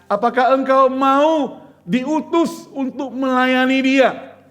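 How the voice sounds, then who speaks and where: A man's voice: extremely high pitch, takes it slowly, fairly bright tone. A man preaching a sermon as pastor, earnest, with repeated rhetorical questions and storytelling. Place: church.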